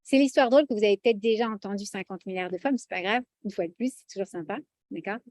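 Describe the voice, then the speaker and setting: A woman teaching a lively religious lesson to an audience, chatty and animated, often checking in with the audience. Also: medium pitch, fast talker, dry recording, studio quality.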